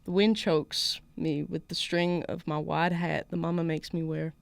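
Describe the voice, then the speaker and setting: In an unhurried, level, low-pitched voice with a gravelly texture and no room sound, a woman reads a first-person story aloud. Her character is a defiant small-town schoolgirl, voiced in a fake Southern US accent. The literary fiction is delivered in a wry, defiant mood.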